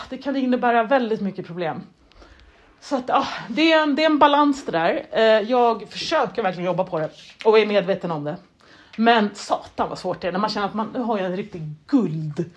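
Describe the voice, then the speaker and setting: A woman's voice: a little high, slightly rough. A chatty woman rambling in a loose, casual monologue. She drifts between thoughts, restarts her sentences and mocks herself as she acts out what goes on in her head. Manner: chatty, self-deprecating, loses her thread; frequent fillers and restarts, acts out inner thoughts.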